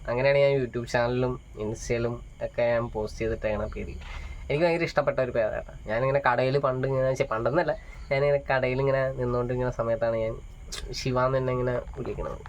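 A man's voice: mid-range voice, steady tone, quick pace, a little hiss or hum. Young male vlogger, chatty and meandering, recorded at home on dull lo-fi audio. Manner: rambling, with many fillers and repeats. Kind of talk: casual personal monologue. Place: small rented home. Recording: dull lo-fi phone audio with faint crickets.

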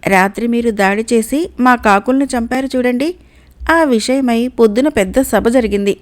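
Sly male crow minister in a storybook fable, voiced by a woman narrator, soft pleading delivery, somewhat high voice. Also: normal speed, natural voice. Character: cunning male crow minister, calm and scheming.

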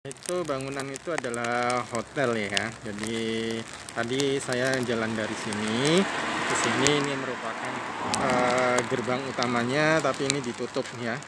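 This casual walking vlog features a man in his thirties outside a stadium, phone held out at arm's length, rambling with many fillers. His mid-range voice is steady and moves at a normal speed, captured in a noisy outdoor recording with street sounds and cars going by.

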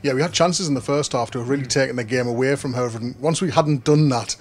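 Brisk, fast-talking club interviewer. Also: male voice, medium pitch, soft background music. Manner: brisk, prepared questions. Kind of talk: post-match interview questions.

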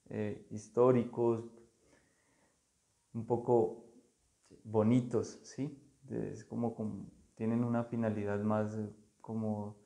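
A low, gravelly-voiced man talks unhurriedly in an artist's studio. His tone is dark and mellow, and his delivery stays flat and halting, full of fillers. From Colombia. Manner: slow, thoughtful, halting with many fillers. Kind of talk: casual conversation about art.

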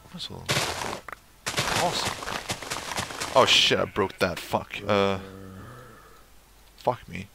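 A man's voice: sits low, slow, vocal fry, pauses often, noisy background. A young man giving casual let's play commentary, swearing and talking to the creatures in his game. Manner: swears at the game, talks to mobs.

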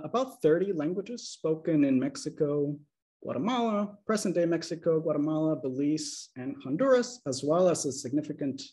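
A male linguistics lecturer in his 30s gives an academic slide presentation over a video call webcam from a small indoor room. His pitch is slightly higher, and he explains things at a calm, measured pace, checking in with "okay?"

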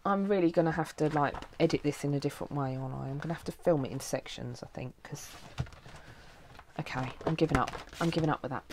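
A woman's voice: low-pitched, quick pace, a little mellow, a little hiss or hum. A woman, a planner vlogger, chatting casually and swearing freely as she talks through setting up her planner at her crafting desk.

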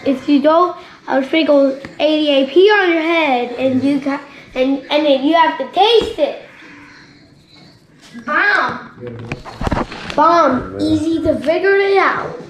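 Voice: sits high, takes it slowly, reverberant, slight background noise. A playful speaker joking with viewers while seasoning food for a casual cooking vlog.

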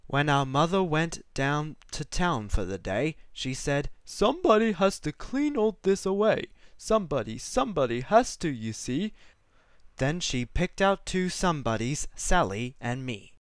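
A man reading a rhyming children's storybook aloud with a lively, rhythmic delivery. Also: mid-range voice, smooth, no echo.

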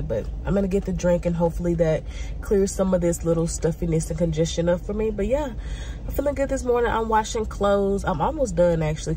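A woman's voice: lowish voice, dark tone, slight background noise. Congested young woman chatting to camera. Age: young adult. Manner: chatty, rambling, many "um" and "like" fillers. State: congested, a little nasal. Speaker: vlogger, student. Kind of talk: casual vlog check-in.

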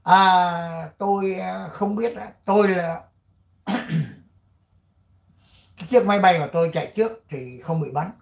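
An older man from Vietnam hosting his channel, chatting casually and reading an article aloud, rambling with many fillers and frequent throat clearing. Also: sits high, a little slow, pauses often, reverberant. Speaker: channel host.

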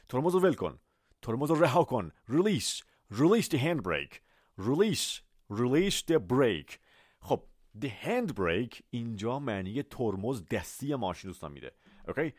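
A man from Iran runs a vocabulary lesson, saying each word again and again and building simple examples around it. His pitch swings widely as he explains. The sound is dry and close. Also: no room sound. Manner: animated, repeats words for pronunciation and switches between Persian and English. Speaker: English teacher.

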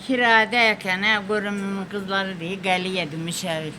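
A woman's voice: mid-range voice, fairly even intonation, moderate pace. An old woman with a rural Turkish dialect chatting and reminiscing in a folksy way, calling her listener dear. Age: elderly. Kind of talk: casual chat, reminiscing. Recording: noisy recording with ambient sound.

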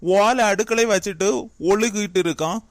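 A man's voice: high-pitched, moderate pace, no room sound, close to an everyday voice. A man voicing a fussing young married daughter in a cartoon. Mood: complaining. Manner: complaining, fussing. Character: young married woman Chittu, worried daughter. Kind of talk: cartoon voice acting.

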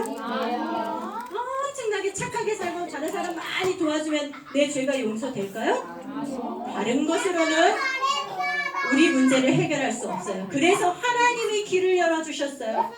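A young woman gives a children's sermon in a church hall, storytelling with animated acted voices. Her voice sits high. The sound is roomy and echoey, and she is heard from some way off the mic. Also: recorded from a distance, heavy background noise. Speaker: children's pastor.

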